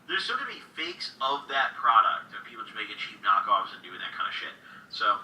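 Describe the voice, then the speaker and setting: A man hosting a casual call-in livestream, laid-back, swearing freely and laughing loudly. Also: fairly low pitch, big pitch swings, a little fast, reverberant, far from the mic, rough recording.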